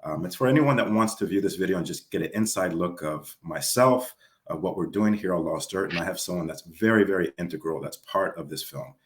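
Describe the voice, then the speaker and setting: A man's voice: sits low, lively intonation, brisk, echoey room. A man hosting a casual interview, upbeat and often repeating words for emphasis. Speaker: host and filmmaker.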